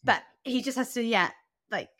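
Bright-voiced chatty young woman. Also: fairly high pitch, moderate pace, no room sound, clean studio sound. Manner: chatty, lots of "like" and "um", laughs easily. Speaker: guest runner. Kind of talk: casual podcast interview.

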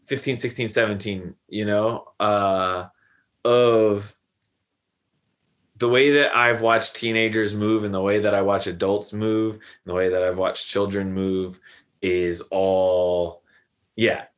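This man, a thirty-something podcast guest, has a lowish voice with fairly even intonation and a measured pace. In casual conversation he reflects loosely, wandering along with plenty of fillers.

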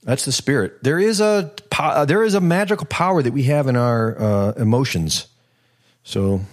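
Low-voiced guy chatting on his podcast, lots of ums, loose and rambly. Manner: rambling, relaxed, many ums and restarts. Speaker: podcast host. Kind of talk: casual solo podcast, reading listener comments.

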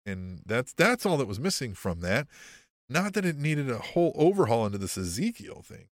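A man's voice: mid-range voice, big pitch swings, normal speed, no room sound, clean studio sound. A man hosting a podcast in casual, profane, rambling chat with a sardonic edge. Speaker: podcast host.

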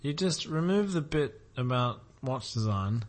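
A man's voice: mid-range voice, animated, a little slow. Man, podcast co-host, casual chat, dry sarcasm, mid-range voice. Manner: dry and sarcastic, laughs at his own jokes.

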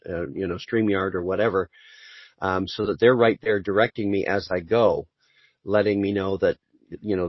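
A man being interviewed as a voice actor, talking in a relaxed, conversational way with dry humor. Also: deep voice, husky, no echo. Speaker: voice actor guest. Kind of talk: casual interview chat. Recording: muffled lo-fi audio.

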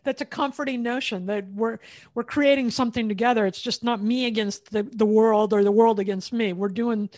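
A woman hosting a podcast, talking in a relaxed, encouraging way with a guest. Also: fairly high pitch, fairly quick, dry recording. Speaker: podcast host. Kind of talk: casual interview chat.

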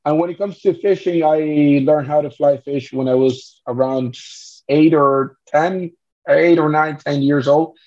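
A young man from Argentina answers questions in relaxed, measured speech, filling gaps with "uh" and "you know". His audio is a little dull and lo-fi. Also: fairly high pitch. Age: young adult. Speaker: guest angler. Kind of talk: casual interview chat. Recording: slightly dull lo-fi sound.

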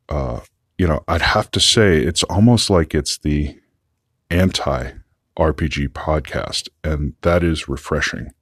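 Man with a very deep voice, dry close recording, friendly listener message. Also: no room sound. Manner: friendly, appreciative.

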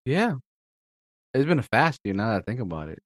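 Animated man acting out family scenes. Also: mid-range voice, brisk, no room sound, studio quality. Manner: animated storyteller, acts out voices, laughs a lot. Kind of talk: casual chat.

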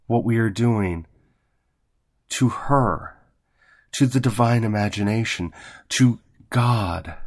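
A man giving a gentle, measured devotional talk, pausing often between phrases. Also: medium pitch, no room sound, clean studio sound.

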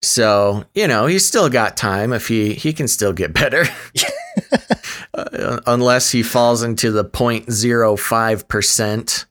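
A man's voice: mid-range voice, takes it slowly, a bit bright. Wry man in casual podcast chat. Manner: wry, sardonic asides. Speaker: podcast co-host.

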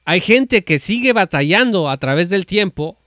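High-voiced man teaching the Bible. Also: expressive, moderate pace, fairly bright tone, no room sound, clean studio sound. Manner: conversational preaching, retelling Scripture with fillers and restarts. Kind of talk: informal teaching talk on an audio space.

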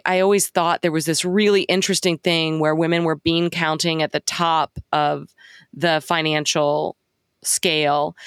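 A woman co-hosting a podcast talks frankly and wryly, with lots of casual "like"s. Her voice sits on the lower side. She is recorded close and dry, with no room echo. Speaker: podcast co-host. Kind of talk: casual conversation.

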